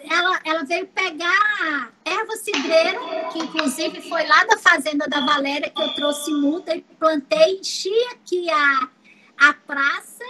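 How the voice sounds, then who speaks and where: A Brazilian woman, a family constellation therapist, teaching through lively stories and repeating phrases for emphasis. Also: extremely high pitch, a little hiss or hum, low-quality recording. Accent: Brazilian Portuguese. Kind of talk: teaching talk with anecdotes.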